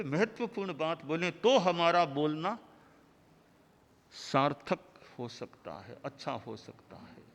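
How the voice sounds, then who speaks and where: A man delivering a sermon as a spiritual teacher, in measured, rhythmic lists of short phrases. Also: on the high side. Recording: long hall reverb.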